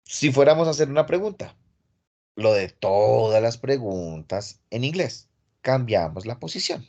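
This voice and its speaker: A man walks his online class through English grammar rules. He talks in a patient, casual way, one step at a time. His voice sits in an ordinary middle pitch, heard through a computer mic. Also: expressive, a little slow, mellow, muffled recording. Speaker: English teacher. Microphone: computer mic on a video call.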